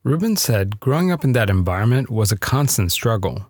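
A man's voice: fairly low pitch, big pitch swings, a little fast, a little mellow, breathy edge, no echo, studio quality. A man narrating a scripted true-story podcast with a dramatic storytelling delivery.

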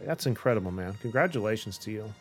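A man hosting a podcast interview, encouraging his guest with quick affirmations. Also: lowish voice, animated, faint music behind. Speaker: podcast host. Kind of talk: casual interview chat.

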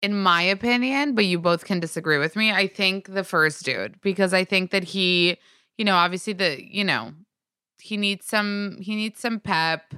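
A woman's voice: mid-range voice, moderate pace, sharp tone, smooth, no room sound, studio quality. A woman guest on a podcast, chatting in a supportive, friendly way. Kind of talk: casual chat.

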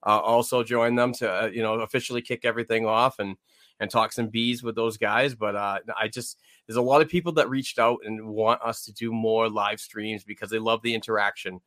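A man's voice: on the low side, fairly even intonation, brisk, fairly bright tone, no room sound. A man co-hosting a sports podcast in casual, conversational talk. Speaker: podcast co-host. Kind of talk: casual chat about hockey.

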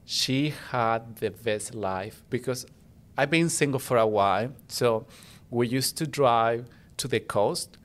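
A man's voice: medium pitch, takes it slowly. Chilean man telling his story. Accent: Chilean Spanish. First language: Spanish. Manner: warm and chatty, with non-native grammar slips. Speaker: guest, international student. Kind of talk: casual personal storytelling.

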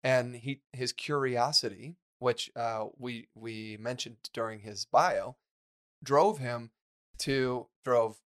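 Chatty man with a middle-pitched voice, rambling. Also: takes it slowly. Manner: rambling, lots of fillers and restarts. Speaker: podcast co-host. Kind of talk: casual podcast chat.

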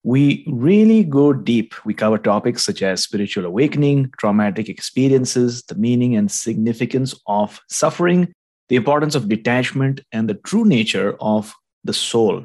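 A man's voice: medium pitch, expressive, normal speed, a little mellow. A man hosting a podcast about spirituality, opening with an enthusiastic promotional intro and then asking conversational questions. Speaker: podcast host. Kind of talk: podcast interview.

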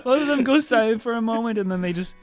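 A man's voice: extremely high pitch, expressive, quick pace, faint music behind. A man narrating a tabletop role-playing game as its game master.

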